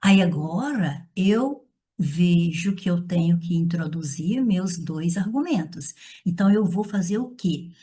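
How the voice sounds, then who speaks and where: A woman teacher with a mellow, slightly husky voice, explaining an essay step by step as she writes it out by hand. She is middle-aged and speaks straight to her students, checking they follow along. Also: fairly low pitch, lively intonation, measured pace. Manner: talks directly to the viewer, checking with "certo?". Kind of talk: essay-writing lesson.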